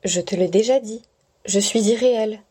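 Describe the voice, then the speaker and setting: Woman doing an eerie bodiless voice, calm breathy whisper, storybook spirit. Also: mid-range voice, moderate pace, natural voice. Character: unseen, unreal whispering female voice.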